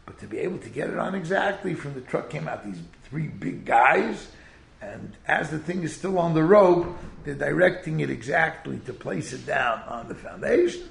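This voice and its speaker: A man with a Yiddish-inflected American accent gives an informal sermon as a rabbi, telling stories in an animated way and sprinkling in Hebrew and Yiddish words. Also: fairly high pitch, moderate pace, gravelly, reverberant. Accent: Yiddish-inflected American English. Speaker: rabbi giving a Torah talk.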